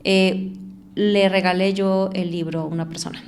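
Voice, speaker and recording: A woman, an entrepreneur and author, talking as a guest in an interview, reflective and growing more lively when she tells stories. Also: mid-range voice, normal speed, slight background noise. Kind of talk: conversational interview.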